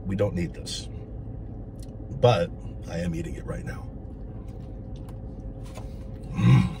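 A man's voice: sits low, slow pace, background noise. A man talking while eating, blunt and profane, in a casual food vlog from a parked car. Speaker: food vlogger.

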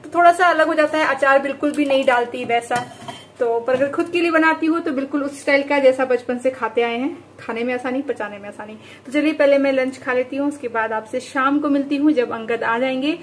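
Picture a young woman talking to her camera at home, words pouring out at a rapid clip. Her voice sits high and bright, and she chats on with a casual, friendly ease. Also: slight background noise. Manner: talks very fast, chatty. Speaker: vlogger. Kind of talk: casual home vlog chat.

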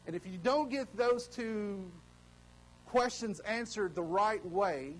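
A man preaching a casual, joking sermon, excitable and full of fillers and restarts. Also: sits high, takes it slowly, rough recording. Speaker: guest preacher.

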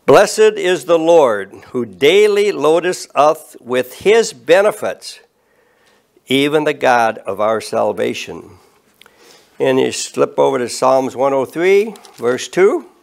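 A man of eighty preaching an earnest, measured sermon from a podium and rising in emphasis on key words. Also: mid-range voice, big pitch swings, gravelly. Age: 80s. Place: studio set with bookshelves and flags.

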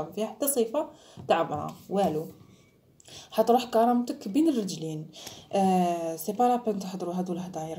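A woman's voice: medium pitch, warm tone. A woman with an Algerian Arabic accent, giving brides-to-be advice in an emphatic, chatty vlog, slipping in French phrases. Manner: emphatic, mixes French phrases, mimics others. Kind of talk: casual advice talk to the camera.

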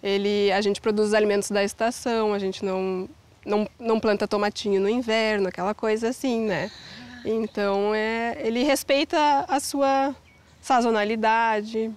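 A woman in her thirties, an organic farmer, calmly explaining her work in an outdoor interview. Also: mid-range voice, moderate pace, smooth. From Brazil. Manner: calm, plain, explanatory. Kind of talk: interview answers. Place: outdoors on a farm.

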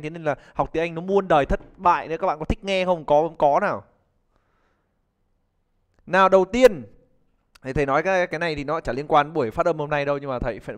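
Man, young adult, slightly high voice, joking English teacher, live online class. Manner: chatty, joking, calls on students to respond.

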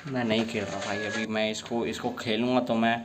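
Excitable young man commentating gameplay. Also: on the low side, brisk, over music. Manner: excitable, frequent exasperated outbursts. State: sore throat. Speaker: gameplay streamer.

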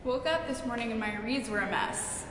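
A flippant young female musician, played by an actress in a student comedy film. She talks high and defensively in a live, echoey room with faint noise. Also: moderate pace, fairly bright tone, natural voice. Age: 20s. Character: breezy, self-satisfied young female wind player.

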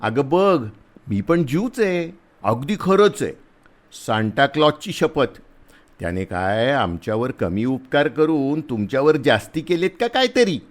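A man playing a big, rough soldier who is blustering but kind, talking loudly in a scolding, teasing way. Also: medium pitch, very animated, unhurried, pitched above the performer's own voice.

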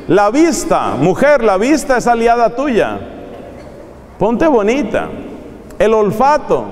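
A man preaching a sermon in a playful, teasing manner, drawing out emphatic phrases. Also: sits high. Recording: echoey hall with long reverb.

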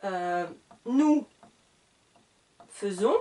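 Slow, patient woman teaching at a whiteboard. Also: mid-range voice, animated, dark tone. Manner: patient, spells out letters, corrects herself. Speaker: French teacher. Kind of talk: slow whiteboard grammar lesson. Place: classroom at a whiteboard. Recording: voice a little far from the mic.

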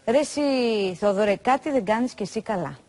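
A woman's voice: medium pitch, lively intonation, darkish tone. A woman hosting a talk show, interviewing a guest with ironic, teasing remarks.

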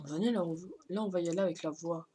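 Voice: mid-range voice, fast, dark tone, a little hiss or hum. A YouTuber casually commentating on a gaming prank, amused and talking to viewers. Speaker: YouTuber host.

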